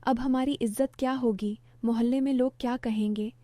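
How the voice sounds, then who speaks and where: Lady reading worried young daughter, story voice, kinda high. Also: steady tone, normal speed, warm tone, no room sound, lightly acted.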